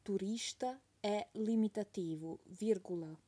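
Lady teacher reading a dictation super slow, repeats every bit, says the commas out loud, soft warm tone. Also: mid-range voice, slightly rough. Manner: repeats each phrase and speaks punctuation aloud.

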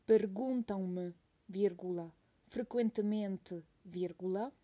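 A woman's voice: medium pitch, takes it slowly, mellow. A woman giving a dictation as a teacher, reading each phrase twice and saying the punctuation marks aloud.

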